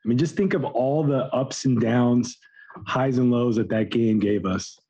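A man with a slightly raspy, shouted-out voice, giving critical opinions in casual sports talk as a co-host. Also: medium pitch, unhurried, lo-fi sound. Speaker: podcast co-host.

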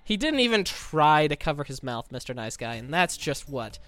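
A man's voice: on the high side, big pitch swings, normal speed, fairly bright tone, no room sound, faint music behind. A man co-hosting a podcast with wry, wordy, mock-formal storytelling, under the weather with a scratchy throat. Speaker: podcast co-host. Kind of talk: casual comic storytelling on a podcast.

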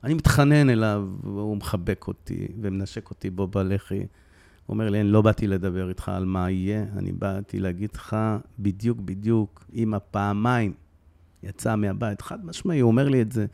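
A middle-aged man telling, with deep emotion, the story of losing his son, often repeating phrases for emphasis. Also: flat delivery, gravelly, warm tone, no echo. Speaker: guest, bereaved father.

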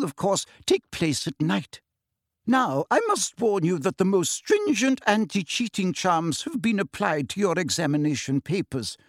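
A man's voice: high voice, no echo, studio quality, pitched above the performer's own voice. A man voicing a strict, severe older female professor who speaks in a clipped, formal way.

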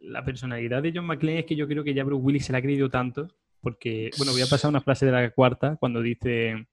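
A man's voice: medium pitch, fairly even intonation, a little fast, a little hiss or hum. A man in casual film chat, chatty and laughing as he retells movie lines.

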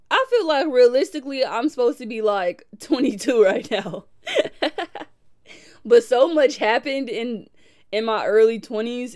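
A woman in her twenties from Milwaukee, hosting a podcast in a casual, animated way and laughing often. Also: medium pitch. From Milwaukee, USA. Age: 20s. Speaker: podcast host. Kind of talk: casual reflective podcast talk.

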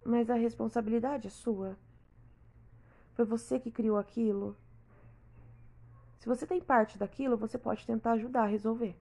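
Earnest woman, mellow voice. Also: a little high. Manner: earnest, repetitive, talks straight to the listener. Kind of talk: reflective personal monologue.

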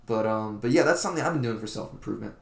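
A young man from Florida co-hosts a podcast in a casual, laid-back chat, rambling along with plenty of fillers. His voice is fairly low, gravelly and animated, and he races through his words in a roomy-sounding space.

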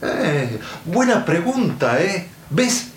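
Slow, mocking, bitter son in radio drama. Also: male voice, sits high, big pitch swings, exaggerated voice. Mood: sarcastic amusement. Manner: sarcastic, crude, drawling. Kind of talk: theatrical radio drama acting. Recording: roomy stage sound with hiss.

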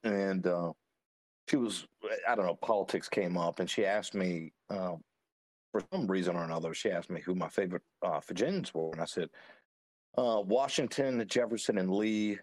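A man's voice: deep voice, normal speed, no room sound. A man chatting casually on a podcast, telling rambling stories with chuckles and lots of fillers. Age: adult. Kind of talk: casual chat.

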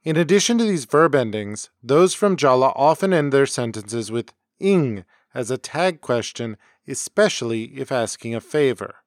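Man reading a measured language lesson. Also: mid-range voice, expressive, no room sound, studio quality. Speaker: podcast host. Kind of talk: scripted educational narration. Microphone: close home mic.

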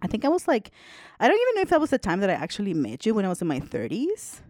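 A woman in her forties from El Salvador co-hosts a podcast, telling stories in a chatty, casual way. She laughs often and uses many fillers like "you know." Her mid-range, darkish voice swoops wildly in pitch and runs very fast.

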